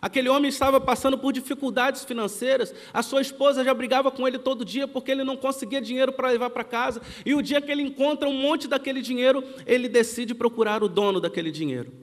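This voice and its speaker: High-voiced Brazilian pastor in a reverberant church. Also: male voice, fast talker, few pauses. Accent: Brazilian Portuguese. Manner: storytelling, acts out quoted family dialogue. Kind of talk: sermon with personal storytelling.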